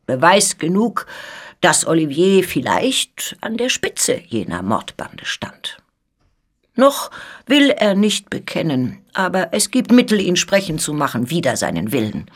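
A woman's voice: lowish voice, big pitch swings, a little slow. A woman reading as a cold, menacing police president. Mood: coldly accusing. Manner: menacing, insinuating. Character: stern cold older male police president.

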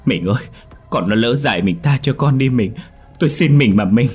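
A middle-aged village mother frets and pleads in a raised, anxious voice, as a male storyteller voices her. Her tone is husky, and faint music runs under the audio story. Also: mid-range voice, normal speed, darkish tone, pitched above the performer's own voice, natural voice. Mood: pleading. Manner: worried, pleading.

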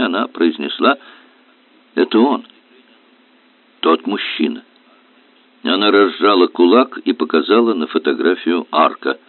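A man narrates a detective novel in a measured, even reading voice. His pitch sits on the low side. The sound is dry and narrow, like a phone line. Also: dry recording. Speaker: audiobook reader.

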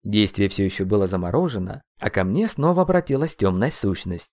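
Expressive man narrating an audiobook. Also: on the low side, brisk, dry recording, studio quality. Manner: expressive, ironic. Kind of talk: first-person audiobook narration.

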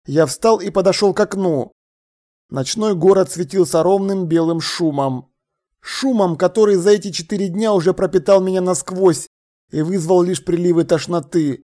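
High-voiced man reading a story. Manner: expressive first-person storytelling. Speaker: audiobook reader. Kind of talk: scripted narration.

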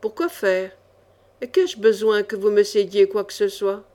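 A woman voicing a cool, ironic young male chevalier in a storybook reading, calm and mocking. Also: mid-range voice, unhurried, natural voice.

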